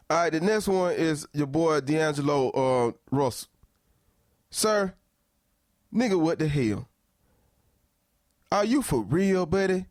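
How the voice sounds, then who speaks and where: Incredulous man roasting clips, lively pitch. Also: dry recording, studio quality. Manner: loud, incredulous, laughing, profane. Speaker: podcast host. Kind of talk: comedic commentary on clips.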